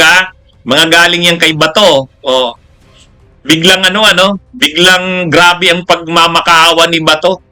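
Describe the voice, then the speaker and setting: Filipino male commentary vlogger: high, very bright voice, mocking and chatty, music underneath. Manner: chatty, laughs often, frequent "ha?" asides. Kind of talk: casual political commentary.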